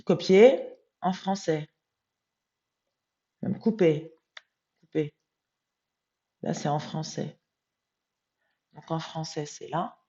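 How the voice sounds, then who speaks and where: A tired woman, a medium thinking aloud as she transcribes a text live, muttering to herself and reading passages slowly. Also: deep voice, mellow, lo-fi sound.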